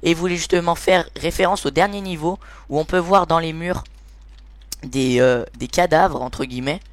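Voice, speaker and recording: Over gameplay, the host of a gaming series gives an informal explainer commentary, hesitant and often groping for words. His voice is a little high, his speed normal, and there's no room sound.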